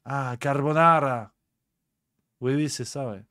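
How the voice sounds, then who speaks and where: A man's voice: fairly high pitch, expressive, measured pace. A man imitating a fussy male waiter who puts on a fake Italian accent and corrects the customer.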